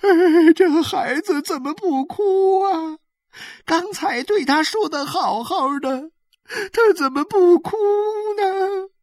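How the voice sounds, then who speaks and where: Woman putting on a sobbing village woman, high and begging, slow wails, dry sound. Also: a little mellow, no room sound. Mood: tearful pleading. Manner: wailing, drawn-out begging. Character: desperate pleading village woman, weeping.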